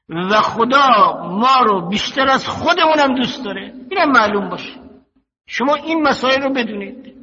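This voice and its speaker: Older man, religious sermon, measured storytelling, bright tone, echoey hall, muffled audio. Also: extremely high pitch. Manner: slow, measured teaching with stories and quotations. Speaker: cleric. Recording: dull lo-fi recording in a reverberant hall.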